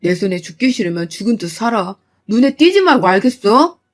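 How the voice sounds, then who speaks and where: A woman's voice: mid-range voice, brisk, warm tone, lightly acted. A woman voicing an enraged middle-aged father who growls threats.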